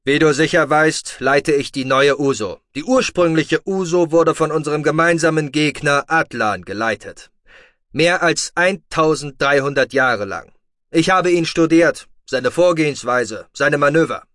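A male reader voicing a commanding human fleet leader who talks in a loud, forceful, pressing way. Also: fairly high pitch, unhurried, no room sound, clean studio sound, pitched above the performer's own voice. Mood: persuasive.

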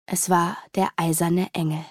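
A woman's voice: fairly low pitch, flat delivery, unhurried, no room sound, studio quality. A woman reading a fantasy novel aloud in a dramatic, vivid storytelling manner. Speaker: audiobook narrator. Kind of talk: scripted fantasy narration.

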